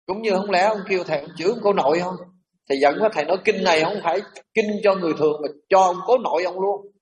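A man preaching as a Buddhist monk, emphatic and animated, dropping in English and French terms. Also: sits high, recorded from a distance. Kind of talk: sermon to a congregation.

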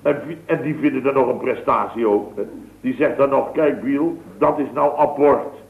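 A medium-pitched, gravelly voice, lightly acted and at a moderate pace, belongs to an actor in a 1960s radio sketch. He plays a bragging, wisecracking building-firm man spinning a chatty, rambling story peppered with sharp comic asides, on a tinny, noisy, echoey old recording.

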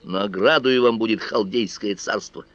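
A man's voice: lowish voice, moderate pace, a bit bright, no room sound, natural voice. A man voicing a commanding conqueror king who rallies his troops in a declamatory tone. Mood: rousing. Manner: rousing, declamatory. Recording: dull, slightly muffled recording.

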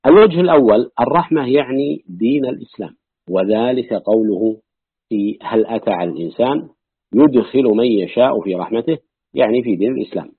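A man reading aloud from a classical exegesis book in a measured way, pausing now and then to comment or correct a slip. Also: mid-range voice, dry recording. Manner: measured recitation, pausing to note and correct slips. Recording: husky, dry, tinny phone-like audio.

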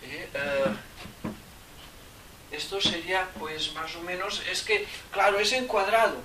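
A man's voice: high-pitched, fairly even intonation, takes it slowly. A man with a Catalan accent teaching theosophy informally to a small group, rambling and asking "¿eh?" often. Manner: rambling, asks "¿eh?" again and again, thinks aloud. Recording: distant mic with faint noise.

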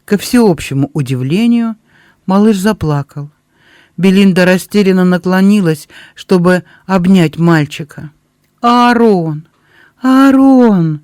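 High-voiced man reading a novel aloud. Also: a little slow, a little mellow, clean tone, no echo, clean studio sound. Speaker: audiobook reader. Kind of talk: scripted narration.

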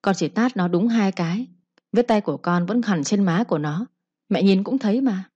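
A woman's voice: medium pitch, normal speed, mellow, slightly rough, no echo, lo-fi sound, lightly acted. A woman voicing a proud young wife who defends herself indignantly. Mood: pleading.

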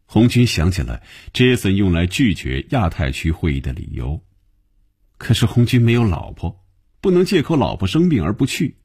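Brief: male audiobook narrator, husky, low, animated pitch. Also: moderate pace. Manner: storytelling, expressive. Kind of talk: novel reading.

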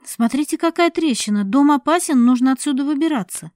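A woman voicing an anxious young woman who talks fast and nervously, in a raised voice. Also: sits high, a little mellow, dry recording, clean studio sound, voice pushed up, natural voice. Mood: alarmed.

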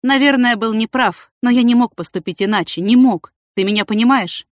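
A middle-aged male head of a maternity ward, voiced by a woman narrator, firm and brisk like a doctor on rounds. He is read in close to her own register, with no deepening of the voice. The recording is dry and close. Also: dry recording, close to an everyday voice.

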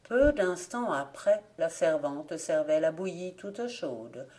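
Woman, audiobook reader, folk tales, steady storytelling, fairly low pitch. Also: takes it slowly.

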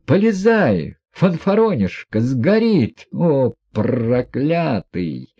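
A man reading an audiobook, voicing a frantic, sneering hanger-on who shouts in a frenzy. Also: on the low side, big pitch swings, a little slow, husky, highs cut off, full character voice. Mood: frenzied.

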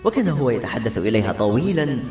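A man narrating a novel in an expressive reading voice. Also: mid-range voice, fast. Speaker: audiobook narrator. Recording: roomy echo with faint music.

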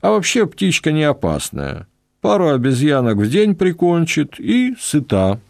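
A man's voice: fairly high pitch, huge pitch swings, a little slow, gravelly, a little mellow, no echo, clean studio sound, voice pushed up, exaggerated voice. A man doing a cheerful jungle guide. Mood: cheerful, reassuring. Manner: upbeat, matter-of-fact, folksy philosophizing. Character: cheerful knowing male jungle guide, middle-aged.

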